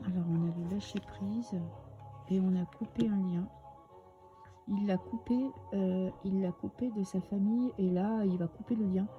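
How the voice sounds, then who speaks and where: A woman's voice: medium pitch, steady tone, moderate pace, warm tone, muffled recording, soft background music. A woman with a French accent giving a casual, chatty tarot reading to her viewers, with many fillers and restarts. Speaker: tarot reader.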